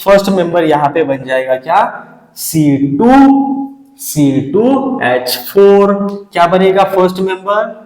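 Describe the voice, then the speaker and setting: A man teaching a school chemistry lesson, checking in with the students often and slowing right down to spell out formulas. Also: sits high, a little mellow. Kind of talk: classroom chemistry lesson in Hinglish. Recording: echoey room with long reverb.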